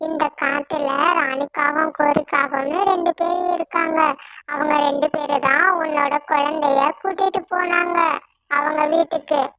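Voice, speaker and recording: A woman's voice: high voice, fairly even intonation, normal speed, over music, lightly acted, poor audio. A woman voicing a small, helpful bee in a cartoon, speaking in a helpful, informative way.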